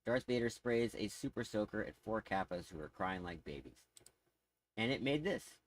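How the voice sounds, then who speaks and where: A man's voice: fairly low pitch, expressive, moderate pace, poor audio. A man streaming live, chatting casually in a rambling, easily sidetracked way with frequent laughs. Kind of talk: casual livestream chat.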